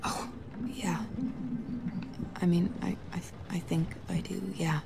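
A woman voicing a young wife in a video game, speaking in a hushed, breathy way and turning guarded and defensive. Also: fairly low pitch, little pitch movement, slow pace, noisy background. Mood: uneasy. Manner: guarded, then frantic when arrested. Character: young wife caught up in a nightmare evening.

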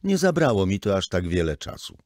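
A man reading an audiobook and voicing a middle-aged wife who placates her family in a hurried, lifted voice. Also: big pitch swings, darkish tone, no room sound, studio quality. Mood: placating. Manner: soothing, raised pitch.

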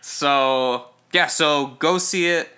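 A man hosting a podcast, chatting casually and relaxed about a film. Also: on the high side, takes it slowly. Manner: relaxed, laughs easily. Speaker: podcast host. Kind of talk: casual film review chat.

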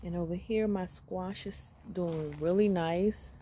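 A woman giving a casual walk-through of her container garden, upbeat and grateful, chatting with pauses and fillers as she films on a phone held close. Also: fairly low pitch, fairly even intonation, warm tone, a little hiss or hum. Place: outdoor container garden on gravel. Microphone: phone camera held close while filming plants.

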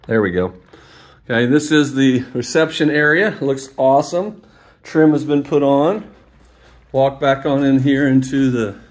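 A man at a middle pitch narrates a walking tour of an empty new building. He talks casually into a handheld phone and rambles between excited praise and quiet muttered asides. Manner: enthusiastic, rambling, often drops to a mutter. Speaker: parish staff member giving a building tour. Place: large new school building, empty gym and halls. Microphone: handheld phone camera, speaker off screen.

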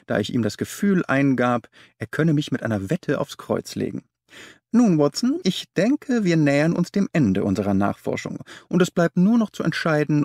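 A man playing a composed, clever detective in a storybook reading. He speaks in a measured, assured way with a lively, varied melody. The sound is close and dry. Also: mid-range voice, dry recording, voice pushed up. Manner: measured, gentle, self-assured. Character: calm, clever male detective, self-assured. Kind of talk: audiobook character voice.

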